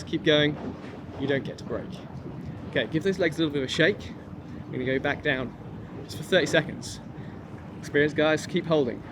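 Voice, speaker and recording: Guy with a highish voice teaching martial arts, casual encouraging cues, noisy outside with traffic. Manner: encouraging, informal, clear step-by-step commands. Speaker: kung fu instructor. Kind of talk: instructional exercise class, counting and cueing. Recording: noisy outdoor recording with traffic ambience.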